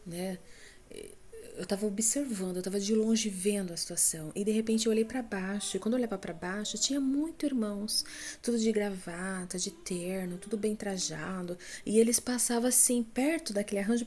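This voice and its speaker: Mellow-voiced Brazilian woman telling a dream. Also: medium pitch, slight background noise. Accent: Brazilian Portuguese. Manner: conversational, addresses listeners as brothers and folks, frequent tag questions. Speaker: church member giving a testimony. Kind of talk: recounting a dream testimony.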